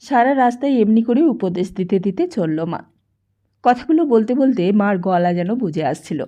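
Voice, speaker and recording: A woman reading a novel aloud as an audiobook narrator with calm storytelling, in a dull lo-fi recording. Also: mid-range voice, moderate pace. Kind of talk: scripted narration.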